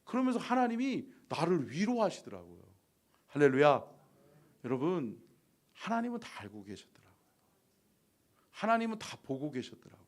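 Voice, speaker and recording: Lively, high-voiced Korean man preaching. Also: normal speed, long pauses. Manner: storytelling, asks the congregation questions; drops to a soft whisper when quoting God. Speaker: senior pastor. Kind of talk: sermon. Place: church.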